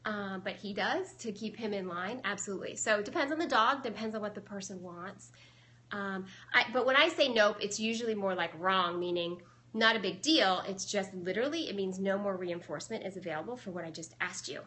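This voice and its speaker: A young adult woman with a bright, forward voice, talking through her training methods in a loose, chatty way. She explains things step by step, with plenty of ums along the way, as she answers viewers live. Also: mid-range voice, fairly quick. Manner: chatty, explanatory, many fillers. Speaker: dog trainer.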